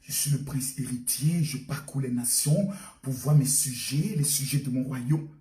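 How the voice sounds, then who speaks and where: A man doing a deep, pompous crown prince. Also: mellow, lightly acted. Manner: grand, slow and self-important. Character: pompous male crown prince boasting of his subjects. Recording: roomy, distant mic.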